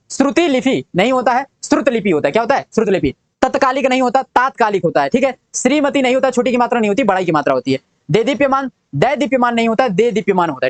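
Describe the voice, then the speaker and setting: A young adult man with an extremely high-pitched voice, recorded dry, runs an exam-prep spelling lesson. He drills his students by repeating each word and asking "what does it become".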